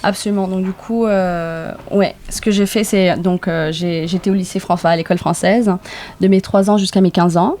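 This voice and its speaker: A young woman from Vietnam speaks as a guest in a relaxed interview. Her voice sits a little low and sounds mellow and warm. She talks hesitantly, with frequent fillers as she searches for her words. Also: normal speed. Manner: hesitant, many fillers, thinks aloud. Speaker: guest, author. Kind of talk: casual interview conversation.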